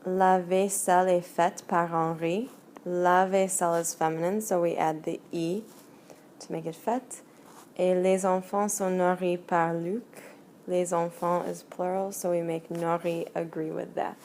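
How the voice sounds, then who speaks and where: Woman teacher, low-ish voice, unhurried screencast explainer, faint background hiss. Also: little pitch movement, darkish tone. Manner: slow, deliberate explaining while writing. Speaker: French teacher. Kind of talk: screencast grammar lesson.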